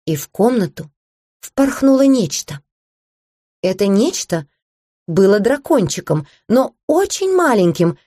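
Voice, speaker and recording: A woman reading a first-person fantasy story aloud in a lively, amused and expressive way. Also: mid-range voice, no echo, clean studio sound. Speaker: audiobook reader.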